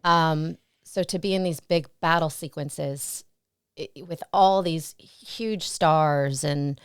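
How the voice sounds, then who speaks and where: A woman's voice: low-pitched, slow pace, clean tone, no echo, clean studio sound. A woman guest in an interview, reflecting on her career in a casual storytelling way and often laughing. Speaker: interview guest, stunt performer and actress.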